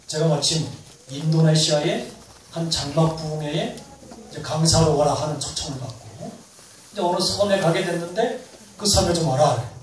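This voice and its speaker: A male pastor telling a mission story in a sermon, acting out the dialogue with lively shifts in voice. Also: slight background noise. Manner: animated storyteller, acts out dialogue with rising pitch. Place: church hall. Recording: echoey church hall, distant mic.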